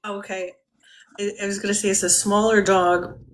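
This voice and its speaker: A woman giving a spirit reading to a caller on a live stream, talking gently with many fillers and soft laughs. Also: medium pitch, flat delivery, normal speed, slight background noise.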